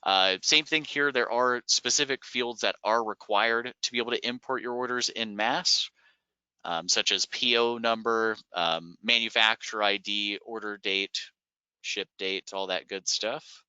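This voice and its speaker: Bright, crisp-voiced man explaining software. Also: on the low side, a little slow, no room sound, muffled recording. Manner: relaxed and explanatory, frequent "uh" and "um" fillers. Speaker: software company staff presenting product updates. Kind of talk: webinar screen-share walkthrough.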